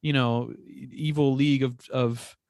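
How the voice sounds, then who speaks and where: A man of middle pitch talks through his points in a wry, explaining way, landing jokes with a straight delivery. The recording is dry and close. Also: steady tone, a little slow, a little mellow, no echo. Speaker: co-host guest. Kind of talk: casual chat reviewing a TV episode.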